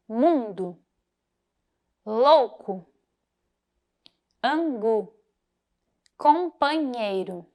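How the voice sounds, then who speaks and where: High-voiced woman teacher, patient. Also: a bit bright. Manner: clear, patient, explanatory. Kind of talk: recorded class walkthrough.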